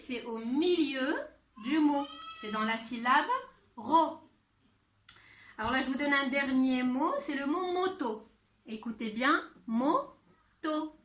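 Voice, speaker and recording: A woman teacher giving a handwriting and sounds lesson to young children, speaking slowly and clearly. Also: sits high, sharp tone, reverberant. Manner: slow, clear teacher talk addressed to children. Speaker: primary school teacher.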